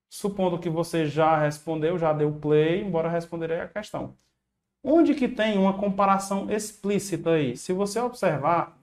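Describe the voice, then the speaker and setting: A Brazilian man with a somewhat high voice teaches an exam-prep lesson. He talks in a casual, encouraging way, dropping slang as he walks through each answer. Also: darkish tone. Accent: Brazilian Portuguese. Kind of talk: online video lesson.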